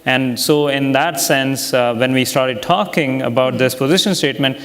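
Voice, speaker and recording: Male interviewer, mid pitch, polite and halting, long hall reverb. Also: fairly bright tone. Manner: polite, halting with many fillers. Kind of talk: conference interview.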